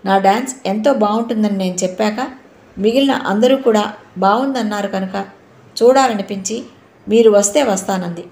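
A woman's voice: medium pitch, normal speed, a little mellow, natural voice. A woman voicing a cheerful, playful young man who mixes English phrases into his talk, in a roomy recording. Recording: roomy echo.

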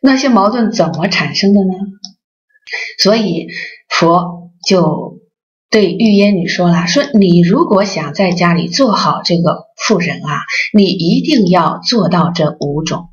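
A woman who heads a Buddhist association, giving a dharma talk with lively storytelling and acted-out voices, in a dull lo-fi recording. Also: on the low side, measured pace.

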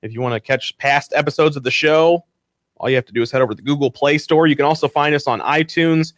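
A man's voice: fairly high pitch, fast, no echo, studio quality. Easygoing man hosting a radio show. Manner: joking, easygoing, laughs often. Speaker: radio talk show host. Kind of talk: casual radio interview. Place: radio studio. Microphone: studio microphone.

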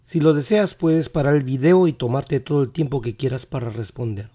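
A male teacher running a vocabulary quiz lesson, repeating each English word slowly and carefully, his voice not fully recovered. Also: medium pitch, mellow.

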